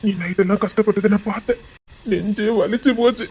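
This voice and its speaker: A man's voice: sits high, fairly even intonation, brisk, darkish tone, slightly rough. An actor playing a guilt-ridden young husband with a Tirunelveli Tamil accent, coaxing urgently, his voice choked with remorse. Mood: anguished coaxing. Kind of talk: melodramatic web-series acting.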